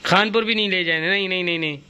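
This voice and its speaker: A man's voice: high-pitched, very fast. A man, a father and family vlogger, narrating casually and bantering in a teasing, joking way as he moves around outdoors. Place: outdoors on busy streets, moving about. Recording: loud street and vehicle noise.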